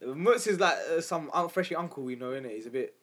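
High, bright London roadman-style young man. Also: lively intonation, fast, a little hiss or hum. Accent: London multicultural street slang. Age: young adult. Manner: roadman-style slang delivery. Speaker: podcast co-host. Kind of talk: casual banter between friends.

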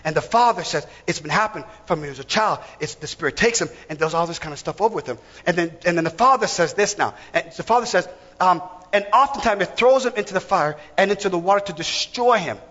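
A man's voice: high-pitched, animated, fast talker, sharp tone, in a large hall, dull audio. A man preaching a sermon to a congregation, building to emphatic repeated lines.

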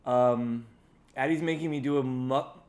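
A man's voice: mid-range voice, unhurried, a little mellow. A young man co-hosting a casual podcast, joking around and swearing freely. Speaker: podcast co-host. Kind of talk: casual chat.

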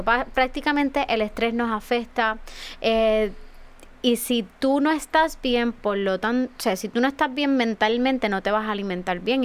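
A woman's voice: fairly high pitch, smooth. A woman, a guest telling an emotional personal testimony on a radio talk show, with many fillers. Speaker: guest author and speaker.

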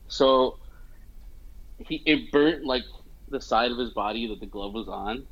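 Man, young adult, casual chat, movie recap, filler-heavy, mid-pitched voice. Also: a little slow, slightly rough, lo-fi sound. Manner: animated storytelling with many fillers and "you know what I mean". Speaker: movie fan recapping a film.

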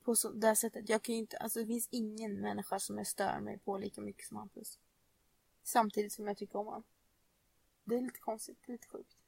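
A woman's voice: medium pitch, level tone, creaky, a little mellow, breathy edge, no room sound. A young woman co-hosting a podcast, telling a story in casual chat, laughing and swearing often. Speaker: podcast co-host.

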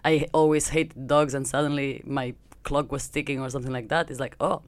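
A woman in her thirties in a relaxed podcast conversation. She talks bluntly, with wry self-mockery. The recording is close and free of room sound. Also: rumbling low, brisk, no room sound. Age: 30s. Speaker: podcast co-host. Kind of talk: casual chat.

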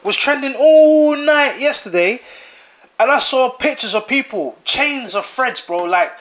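A man talks in a high, light voice. He is animated and slangy, and he repeats phrases for emphasis in a casual podcast chat. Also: a little slow.

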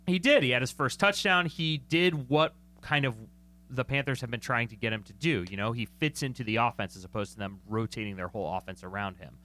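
A man's voice: mid-range voice, a little fast, sharp tone. A man co-hosting a sports talk show, analyzing football in a chatty, joking way and often correcting himself mid-sentence. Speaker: sports podcast co-host.

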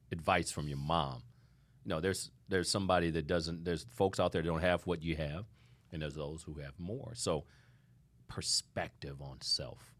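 A man hosting a studio interview podcast, speaking emphatically and warmly to his guest. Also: low voice. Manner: warm, emphatic, calls guest "sister". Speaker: podcast host.

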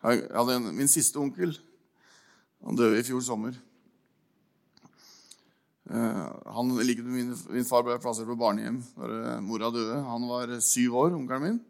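An older man giving an informal sermon, telling a personal story with halting speech, repeated words and fillers before closing in prayer. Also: medium pitch, fairly even intonation, gravelly. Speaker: preacher.

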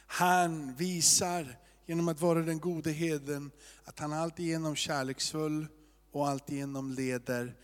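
A man pastor, preaching a sermon in a loose, searching way, moving between quiet asides and emphatic repetition. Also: fairly high pitch, long reverb tail.

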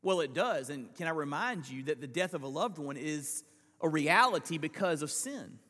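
A man's voice: a little high, animated, moderate pace, sharp tone. A man preaching a live Sunday sermon as senior pastor, explaining scripture earnestly and asking the congregation pointed questions. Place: church sanctuary. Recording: long church reverb.

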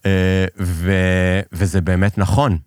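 Podcast guest: Israeli-accented Hebrew-speaking man, low register, close dry recording, hesitant anecdotal delivery with English jargon. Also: dry recording. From Iran, immigrated to Israel. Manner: hesitant searching delivery, peppered with English business terms. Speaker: podcast guest, business executive. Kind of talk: conversational storytelling in an interview.

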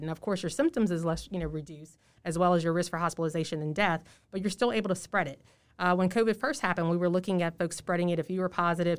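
A woman speaking through a face mask as a health official in an interview, explaining in a measured way and stressing key points. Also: lowish voice, smooth. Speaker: public health official, podcast guest. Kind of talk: informative podcast interview.

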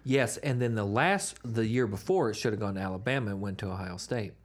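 A man's voice: fairly low pitch, a little fast. A man co-hosting a podcast, chatting casually about sports and teasing his co-hosts. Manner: joking, teasing banter. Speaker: podcast co-host.

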